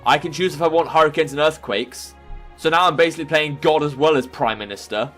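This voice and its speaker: A man's voice: on the high side, brisk, a bit bright, soft background music. A man giving casual let's-play commentary, rambling, laughing and thinking aloud as he plays. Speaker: gaming video host.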